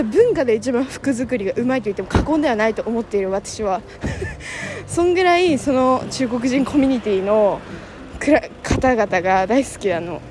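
Young woman, high and animated, casual chat; noisy vehicles behind. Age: young adult. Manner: chatty, gushing, lots of fillers. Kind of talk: casual monologue. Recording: noisy background with passing vehicles.

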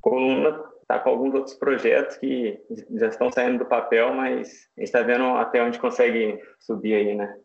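A man talks as a guest, explaining casually. His voice is creaky, with plenty of fry, and the recording is roomy and dull. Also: mid-range voice, flat delivery, moderate pace, hardly any pauses. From São João del Rei, Minas Gerais, Brazil. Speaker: podcast guest, fan page editor.

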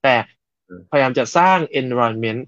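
A man's voice: mid-range voice, animated, slow, a bit bright, dry recording. Man, middle-aged, agile coach, casual podcast chat, story-driven explanations, repeats phrases, dry muffled sound.

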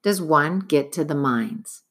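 A woman's voice: sits low, expressive, slow pace. Woman voicing a formal, dignified butler. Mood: composed. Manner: formal, precise. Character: dignified, composed male butler.

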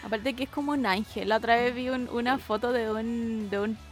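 A woman's voice: on the high side, steady tone, fairly quick, soft background music. A young woman with a Chilean accent co-hosting a podcast, chatting casually and gushing with enthusiasm. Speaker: podcast co-host. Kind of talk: casual chat.

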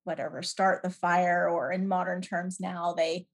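A woman's voice: lowish voice, level tone, unhurried. A middle-aged woman from Canada answering questions in a podcast interview, thoughtful and hesitant with many fillers. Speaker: guest.

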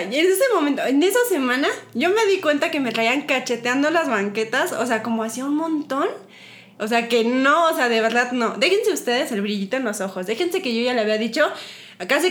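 A young Mexican woman telling a dating story in a casual podcast chat, animated and giggly, acting out her own lines. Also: sits high. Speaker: podcast co-host.

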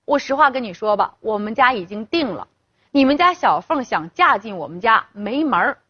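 A woman's voice: on the high side, very animated, normal speed, breathy edge, dry recording. A woman playing a sneering haughty mother. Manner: sneering, scolding. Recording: dull lo-fi, dry.

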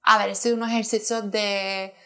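A woman's voice: medium pitch, little pitch movement, normal speed, a bit bright. A woman sharing a personal testimony as a church planter in conversation, earnest and emotional, often restarting her sentences.

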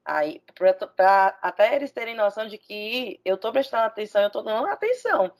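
A woman psychologist in casual chat, speaking in a measured, hesitant way with pauses and fillers. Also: medium pitch, sing-song, highs cut off.

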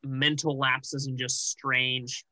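A young man co-hosting a casual sports podcast, rambling and animated with many restarts and fillers. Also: medium pitch, slow pace, no room sound, rough recording. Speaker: podcast co-host.

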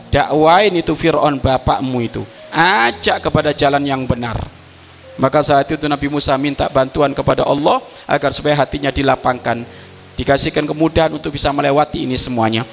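A man's voice: fairly high pitch, vocal fry, a bit bright. A man preaching a religious sermon to students and viewers, emphatic and repeating his key phrases, in a hall with long reverb.

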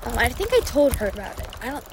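A woman's voice: a little high, very animated, fast. A teenage girl vlogging outdoors in a busy public place, chatting in a rambling, self-interrupting way. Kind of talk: casual chat. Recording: loud outdoor traffic noise. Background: vehicle and outdoor noise.

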